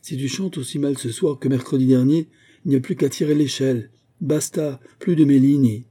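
A man's voice: lowish voice, moderate pace, dark tone, husky. A man voicing an irascible old Italian singing master who scolds and lectures his pupil. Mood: irritated. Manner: exasperated, scolding.

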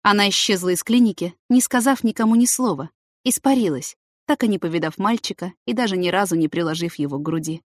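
A woman narrating an audiobook in a steady, even reading voice. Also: mid-range voice, fast, no echo, studio quality. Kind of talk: scripted narration.

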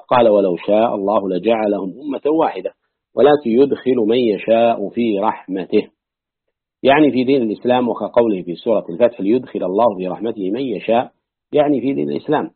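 A man reading aloud from a classical exegesis book in a measured way, pausing now and then to comment or correct a slip. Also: fairly low pitch, no room sound. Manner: measured recitation, pausing to note and correct slips. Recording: husky, dry, tinny phone-like audio.

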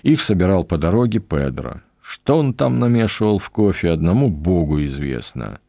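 A man reading his own adventure audiobook in a measured, wry storytelling manner. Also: deep voice, gravelly, warm tone, no echo, clean studio sound. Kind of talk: scripted audiobook narration.

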